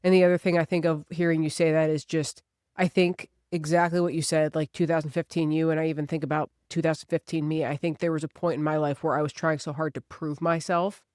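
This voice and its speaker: A woman in her thirties co-hosts a podcast, her low-pitched, darkish voice level in tone and fast. The conversation is casual and reflective, and she's earnest and emphatic, repeating phrases to drive her points home. The sound is clean studio audio with no room sound.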